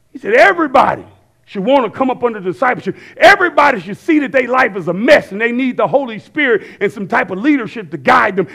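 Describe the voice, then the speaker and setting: A man in his thirties preaching a sermon on a church stage, talking casually with the crowd and rising now and then to shouts. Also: extremely high pitch. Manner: conversational preaching, rising to shouts, asks the crowd to fill in words. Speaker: pastor. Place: church stage with screens and worship band behind.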